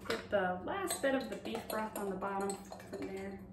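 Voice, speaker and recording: At a normal speed and in a mid-range voice, a young woman casually narrates a recipe in her home kitchen, step by step and full of fillers. A tripod camera placed far away records her, so the audio is roomy and distant with background noise.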